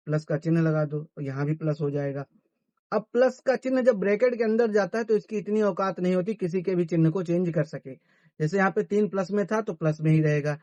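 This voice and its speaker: Male math teacher, answers his own questions, pitched high. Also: darkish tone, dry recording, dull audio. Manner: asks questions and answers them himself. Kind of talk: classroom-style math lesson.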